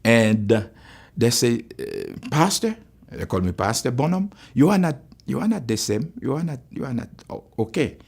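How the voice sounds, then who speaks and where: In this personal testimony, a pastor in his 60s born in Haiti shares his life story with sincerity, using simple English that repeats itself and carries a Haitian accent; Creole is his first language. His mid-range voice is sing-song at a normal speed, darkish and slightly rough, with vocal fry.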